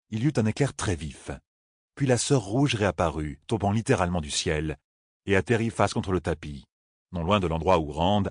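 A man narrating a fantasy audiobook in a lively, expressive reading. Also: low voice, husky, dry recording, clean studio sound.

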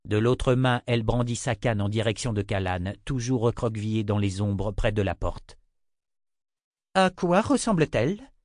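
A man with a lowish voice narrates a novel in a measured, steady way. The recording is dry and close, with no room sound. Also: no echo. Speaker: audiobook narrator. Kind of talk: scripted narration.

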